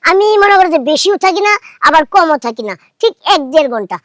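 A woman's voice: very high voice, expressive, fairly bright tone, no echo, clean studio sound. A woman acting a brash young man who wheedles and presses impatiently, in a comedy play. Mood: pushy. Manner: wheedling, impatient, drawn-out "aha".

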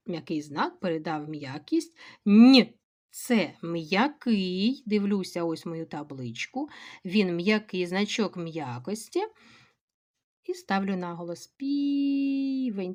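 A middle-aged Ukrainian-accented teacher slowly walks schoolchildren through a grammar lesson, step by step, speaking to them directly. Her voice is on the low side.

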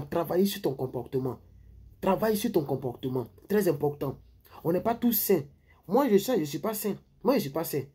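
A man's voice: a little high, dark tone, breathy edge. A man from Ivory Coast, giving life advice to his viewers in a rambling, repetitive monologue. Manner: rambling, repeats himself, addresses viewers directly.

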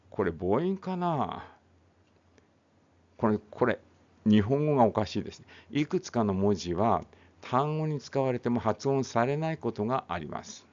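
A man's voice: lowish voice, a little mellow. A man teaching English phonics, reading a text aloud and then explaining it casually, often correcting himself. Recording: dull lo-fi recording.

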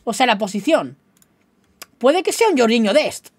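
A young gaming YouTuber with a slight Galician-tinged Spanish accent rambles casually to his viewers, often mocking himself and addressing them directly. His voice is extremely high with big pitch swings and a breathy edge, at a moderate pace, with no room sound.

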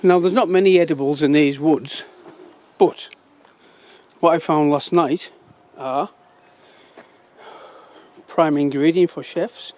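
Digging in the woods, a middle-aged man gives a casual foraging demo, pointing things out on handheld phone footage. He speaks slowly with long pauses, his voice on the high side but darkish in tone.

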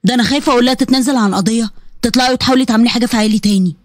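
Woman playing a frightened young Egyptian wife, pleading, her high voice climbing higher in panic. She talks very fast, and the sound is dry. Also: dry recording, natural voice. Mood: defiant. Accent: Egyptian Arabic.

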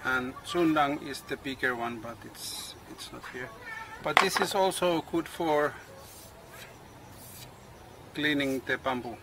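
A middle-aged man, not a native English speaker, vlogging outdoors on a tropical farm. His English is halting, with many pauses and uh's, and the camera is held at arm's length. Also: medium pitch, noisy background. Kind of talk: casual vlog narration. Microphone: handheld camera selfie and tripod camera.

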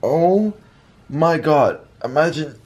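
A man's voice: a little high, lively intonation, slow pace, a little mellow, breathy edge. A man in his twenties chatting casually as a reaction vlogger, slangy and laid-back. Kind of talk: casual reaction vlog chat. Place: bedroom, reclining on a bed.

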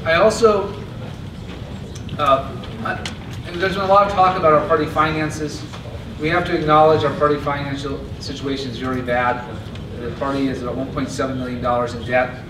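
A man giving a steady, earnest convention stump speech at a podium microphone. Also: mid-range voice, fairly quick. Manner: earnest, steady delivery with occasional restarts. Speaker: party chair candidate. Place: large convention hall, indoors. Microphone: podium mic on stand. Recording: echoey hall from a far camera with noise.

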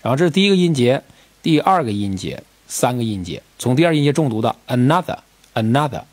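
A man's voice: mid-range voice, sing-song, fast, a little mellow. A man teaching English vocabulary in a recorded video lesson, explaining patiently and checking in with his students through rhetorical questions.

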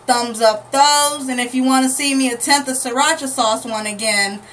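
A woman's voice: high-pitched, normal speed, a bit bright. A young woman hosting a challenge video in casual chat, speaking to a camera a few feet away indoors. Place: indoor room with green backdrop. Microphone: camera microphone a few feet away. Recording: distant microphone, clearly noisy room.

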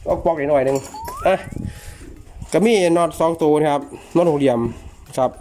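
Warm and steady, with a slightly high voice at normal speed, an Isan-accented chainsaw repairman casually unboxes and reviews a saw. He jokes around and addresses his viewers as brothers and sisters.

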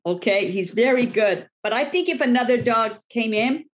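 A middle-aged woman dog trainer giving a lively talk to a seminar audience, often acting out the voices of owners and dogs. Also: a little high, moderate pace. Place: library event room.

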